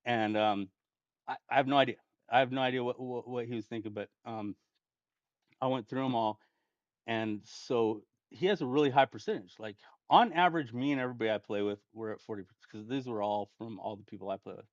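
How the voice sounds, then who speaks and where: A man's voice: medium pitch, brisk, no room sound. Man rambling through a gaming story, lo-fi. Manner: rambling, restarts often, chuckles while telling. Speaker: gaming channel host. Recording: dull lo-fi dry home mic.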